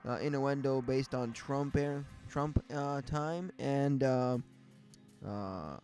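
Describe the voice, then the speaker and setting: Male host, casual chat, ordinary mid pitch; rambles and restarts, light music under him. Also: slow pace, a little mellow. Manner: rambling, many fillers and restarts. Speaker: livestream host. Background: faint music.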